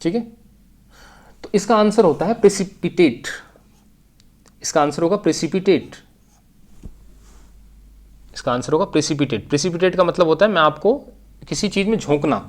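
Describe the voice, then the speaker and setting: A man's voice: on the high side, moderate pace, long pauses. A man teaching an exam-prep English grammar lesson, explaining step by step and repeating key phrases.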